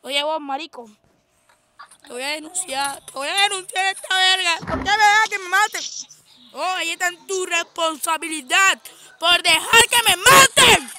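Woman, gamer, playful, excitable, lively commentary, very high voice, noisy recording. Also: moderate pace. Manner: excitable, playful, yells when in danger. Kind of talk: live gameplay commentary.

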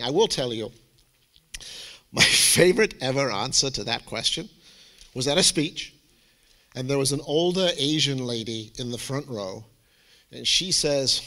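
Lively, theatrical middle-aged man speaking. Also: mid-range voice. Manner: theatrical, emphatic, wry. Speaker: keynote speaker. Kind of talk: humorous public talk.

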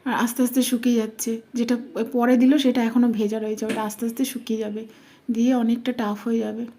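A woman's voice: fairly high pitch, flat delivery, fast, mellow, slight background noise. A woman from India explaining a nature scene to her child in a patient, coaxing way, often dropping to a whisper. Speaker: vlogger watching a wasp build its nest with her child. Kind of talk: casual explaining chat, often hushed.

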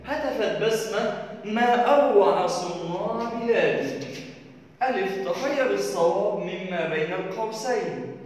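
A man teaching a primary school lesson, reading textbook questions aloud slowly and then giving the answers. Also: sits high, slight background noise. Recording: echoey hall from far off.

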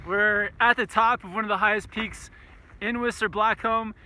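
Holding an action camera at arm's length on a snowy mountain, a young man casually narrates his snowboard vlog, upbeat, whooping and calling viewers "guys." His voice sits high with a steady, bright, forceful tone at a moderate pace. The audio is poor, with a little hiss or hum.

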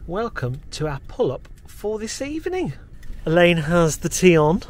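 A man's voice: high-pitched, very animated, measured pace. A man casually narrating a camper van travel vlog, pointing out the sights around him. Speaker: vlogger. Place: outdoors on a windy hilltop and inside a camper van.

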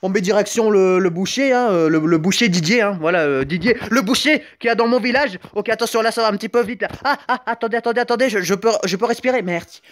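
A man's voice: high-pitched, fast, few pauses. A young man whose first language is Italian, doing jokey, rambling commentary while playing mobile games, with sudden yelps and silly asides. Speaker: gaming YouTuber. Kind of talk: joking gameplay commentary.

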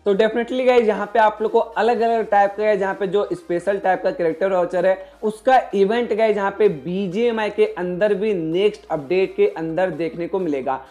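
A gaming host does a casual explainer voice-over in a high-sitting, darkish voice. He repeats himself and keeps addressing his viewers as "guys."

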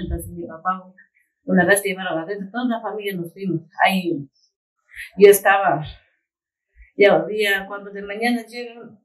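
A woman, a community leader and chef, telling a personal story in an interview in a halting way, repeating words and restarting often. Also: medium pitch. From Ecuadorian Amazon. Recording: voice picked up from a distance.

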